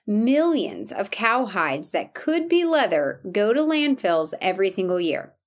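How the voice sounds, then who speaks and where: A woman's voice: mid-range voice, very animated, unhurried. Bubbly woman podcast host. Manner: bubbly and enthusiastic, gushing reactions. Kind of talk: upbeat podcast interview.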